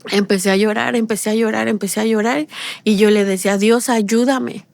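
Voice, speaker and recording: A woman's voice: medium pitch, fairly even intonation, gravelly, no room sound. A woman giving an emotional personal testimony in an interview. She repeats phrases and restarts often as she talks. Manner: repetitive, with halting restarts and tearful pleading.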